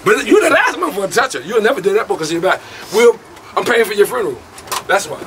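A man from New York ranting boastfully and loudly on a live stream, taunting as he talks. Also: sits high, very animated, fast talker, background noise. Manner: boastful, loud, profane, taunting. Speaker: livestreamer. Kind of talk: brash live-stream rant. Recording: loud crowd around him.

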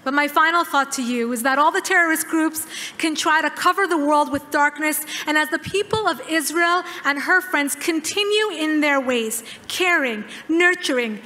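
A woman in her thirties giving a formal keynote speech at a podium, measured and emphatic with dramatic pauses. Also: high voice, pushed and bright. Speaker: keynote speaker. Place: large dark hall, at a podium. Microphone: podium microphone. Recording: hall reverb.

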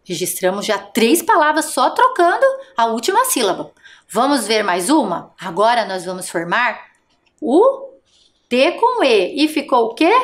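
A woman teaching a televised first-grade lesson, speaking slowly and patiently and sounding out letters and syllables for young children. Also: on the high side, a bit bright.

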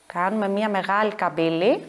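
A kindergarten teacher, a woman, telling a story to young children in an expressive, animated way. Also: medium pitch.

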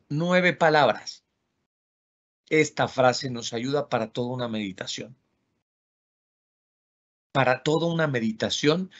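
A man from Mexico speaks over a video call in a faith-based teaching talk, earnest and lively as he acts out the voices he quotes. His voice sits at an ordinary middle pitch. The webinar audio is dull and lo-fi.

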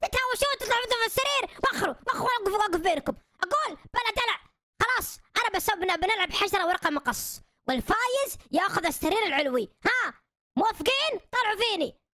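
A woman narrates a game role-play in a lively, bossy manner. Her voice is very high and bright, the pace brisk. The sound is dry and close. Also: no echo.

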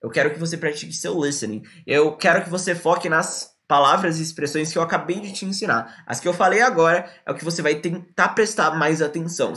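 A man teaching English on a live stream, dropping into slow, careful English for his examples. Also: fairly high pitch, sharp tone.

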